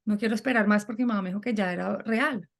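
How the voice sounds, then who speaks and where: A middle-aged woman telling a personal story in conversation, animated and acting out the voices she quotes. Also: mid-range voice, fast talker, creaky. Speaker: guest.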